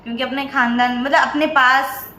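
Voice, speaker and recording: Brief: young woman, high voice, animated storyteller, roomy echo with faint background noise. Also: moderate pace. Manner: animated, acts out family members' lines. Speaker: vlog co-host. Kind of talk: casual personal storytelling.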